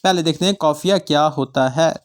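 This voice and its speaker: A man with a high voice runs an exam-prep grammar lesson. He goes over each rule several times and keeps putting questions to his students. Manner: explains slowly, repeats points, asks the students questions. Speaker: teacher.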